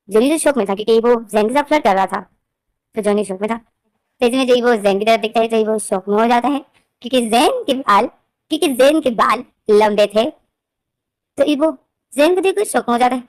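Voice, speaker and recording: A woman's voice: on the high side, darkish tone, no echo. A woman casually narrating her own fan fiction story in a repetitive, conversational way.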